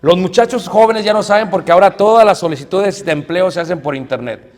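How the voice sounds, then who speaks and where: Man, preacher, lively sermon storytelling, somewhat high voice, reverberant church hall. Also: fast. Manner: animated storytelling, acts out quoted voices.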